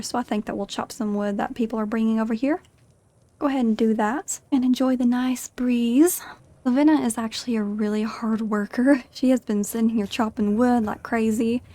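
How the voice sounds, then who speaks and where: A woman's voice: fairly high pitch, warm tone. A woman giving chatty, giggly commentary as she role-plays through a video game. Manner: giggly, chatty, narrates her character's feelings. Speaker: gamer narrating her playthrough.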